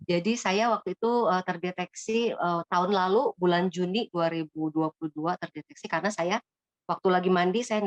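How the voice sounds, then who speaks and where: A woman's voice: on the low side, no echo. A woman from Bogor, Indonesia, giving a casual spoken testimony, chatty with many fillers and hesitations.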